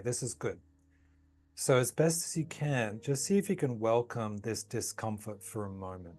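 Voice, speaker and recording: A man calmly leading a guided tapping session, giving slow, soothing instructions. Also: fairly low pitch. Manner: calm, slow, soothing guidance. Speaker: tapping practitioner.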